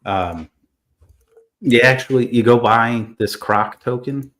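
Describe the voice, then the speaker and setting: A man taking part as a panelist in a casual livestream chat, explaining things in a relaxed way with small fillers. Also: medium pitch, slow pace.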